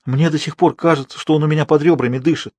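A man reading an audiobook, voicing a naive, timid young girl patient who speaks softly and pleadingly. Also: a little high, steady tone, fast, no room sound, pitched above the performer's own voice, close to an everyday voice. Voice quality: soft, pleading.

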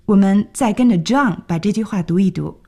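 A woman presenting a scripted radio language lesson, clearly explaining and translating each phrase. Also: mid-range voice, moderate pace, warm tone. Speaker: radio English teacher.

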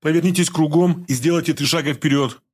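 Man doing young woman heroine, raised pitch, firm, steady commands, audiobook character voice. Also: a little fast, slightly rough. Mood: firm, commanding.

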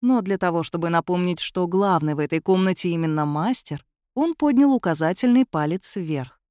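A woman reading a story aloud as a narrator, in an expressive storytelling manner. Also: on the low side, normal speed, no room sound, clean studio sound. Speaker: audiobook narrator. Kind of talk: scripted narration.

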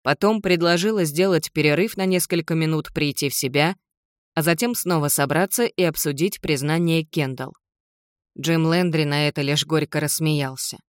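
A woman narrating an audiobook in the first person, in an even, measured storytelling voice. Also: deep voice, no echo, clean studio sound.

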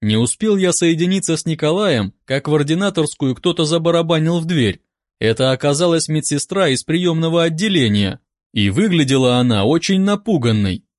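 A man narrating a first-person audiobook with expressive storytelling. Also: on the high side, fairly quick, no room sound, studio quality.

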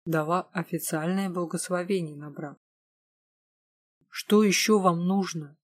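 A woman reading the part of a sly, jealous young woman who mocks and sneers, with a husky voice. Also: lowish voice, normal speed, a little mellow, no echo. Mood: furious. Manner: teasing, sneering, then hurt.

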